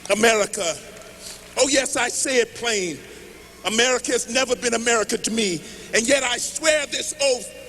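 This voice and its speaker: A man reciting poetry as an impassioned rally speech, declaiming in measured phrases. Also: sits high, bright, forceful tone. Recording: noisy large hall with long reverb.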